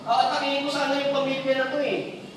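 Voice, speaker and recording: A man's voice: very high-pitched, completely flat delivery, fairly quick, pitched above the performer's own voice. A male preacher voicing a gloating male devil who boasts about wrecking a family, in a smug tone. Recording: echoey room from a distance, faint noise.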